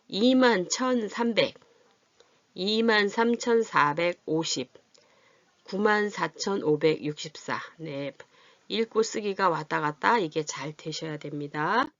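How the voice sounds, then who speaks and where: A woman's voice: fairly low pitch, dry recording. A woman teacher patiently explaining how to read and write large numbers, often asking whether her learners follow. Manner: patient, checks understanding with questions; drawn-out counting while writing. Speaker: adult literacy teacher. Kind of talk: classroom math lesson. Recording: dull, dry lo-fi recording.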